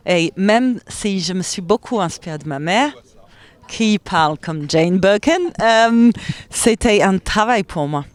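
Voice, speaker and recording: A stage actress from France speaking in an interview, enthusiastic and expressive, laughing often between thoughts. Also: female voice, mid-range voice, unhurried.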